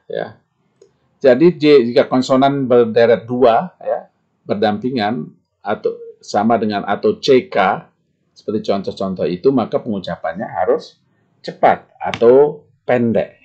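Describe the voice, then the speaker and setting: Guy teaching a language class, says each word slow and ends lines with "ya", pitch goes all over. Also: darkish tone, dull audio. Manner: repeats example words slowly, tags lines with "ya". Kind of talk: slow explanatory lesson.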